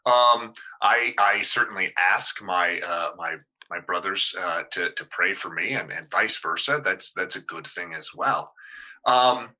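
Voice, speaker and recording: A man's voice: sits low, measured pace, sharp tone, rough recording. A male pastor in casual discussion, talking hesitantly with many fillers and restarts.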